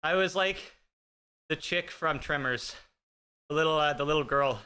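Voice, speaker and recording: Through a streaming desk mic with a noise gate comes a man's somewhat high, sharp, clean voice at a moderate pace. He's a fitness streamer in his thirties, riding an indoor bike and chatting with viewers in a joking, self-deprecating way.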